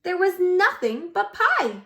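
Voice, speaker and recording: A woman teaching preschool reads aloud from a picture book in a very high voice, animated and stopping to quiz the children.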